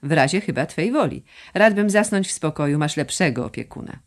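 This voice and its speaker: A woman voicing a devoted male foreign escort in an audiobook, reserved and quiet. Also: deep voice, animated, fairly quick. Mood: wistful.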